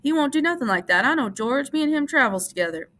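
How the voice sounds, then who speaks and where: A woman's voice: high voice, brisk, gravelly, a bit bright, pitched above the performer's own voice. A woman playing a big, simple-minded man who pleads like a child, in a storybook reading. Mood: frantic.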